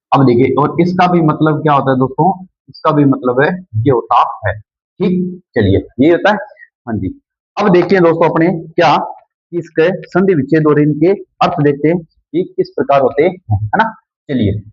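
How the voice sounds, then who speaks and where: A man's voice: fairly high pitch, breathy edge, no echo. A man teaching a grammar lesson, repeating each key word back as a question to his students. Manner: calls students "friends" often. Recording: dull lo-fi sound.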